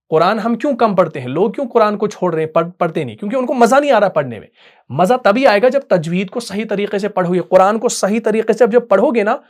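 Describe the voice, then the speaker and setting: A man teaching an online Quran recitation class, explaining patiently and often checking that students follow. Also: high-pitched.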